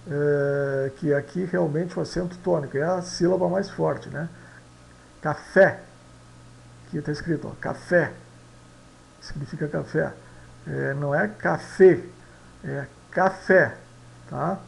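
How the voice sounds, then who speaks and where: A man's voice: a little high, vocal fry, a little mellow, slight background noise, poor audio. A man teaching a language lesson on pronunciation rules, often checking in with "tá?" and "né?". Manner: frequent "tá?" and "né?" checks.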